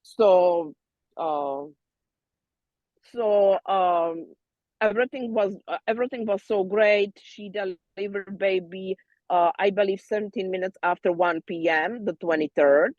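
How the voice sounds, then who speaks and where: Halting woman telling a story over a call. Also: medium pitch, a little mellow, no echo, highs cut off. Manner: halting storytelling with many fillers and restarts; non-native phrasing, loose grammar. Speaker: doula student. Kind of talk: casual birth debrief to peers.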